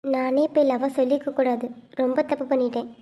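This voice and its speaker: A woman voicing a gentle young pregnant wife in a cartoon, speaking softly and plaintively. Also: high-pitched, flat delivery, brisk, heavy background noise, natural voice. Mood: sad. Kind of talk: cartoon web series voice acting.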